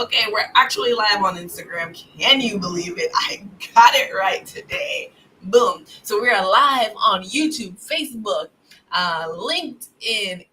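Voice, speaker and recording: A woman hosts a casual livestream from her home office. Her voice is bright and clear at an ordinary pitch. She rambles in a friendly way, stumbles, and laughs at herself. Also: a little hiss or hum, low-quality recording. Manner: chatty, self-deprecating, lots of fillers. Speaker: host and guild president. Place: home office with open windows.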